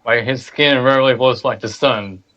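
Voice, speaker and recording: A man's voice: mid-range voice, moderate pace, a bit bright. A man narrating as game master of a tabletop game, often restarting his phrases. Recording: dull lo-fi sound with faint noise.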